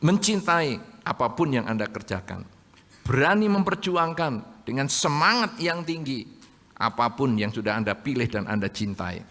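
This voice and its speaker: An older man, a Buddhist monk, giving a sermon, telling lively stories and acting out quotes with humor. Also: medium pitch, normal speed. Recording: long hall reverb.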